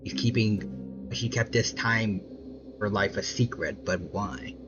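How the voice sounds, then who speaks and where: A man's voice: lowish voice, slow. A young man giving casual gaming commentary, joking and thinking aloud in rambling sentences. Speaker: gaming streamer reacting. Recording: slightly dull audio, music underneath. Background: game music.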